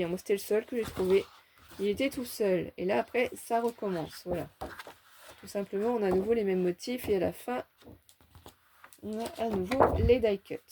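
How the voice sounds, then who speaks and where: Enthusiastic woman going thru her scrapbook paper haul, mellow voice, a bit of hiss in the background. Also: mid-range voice. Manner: chatty, enthusiastic, fond of little words like "petite" and "hein". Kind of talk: casual show-and-tell haul.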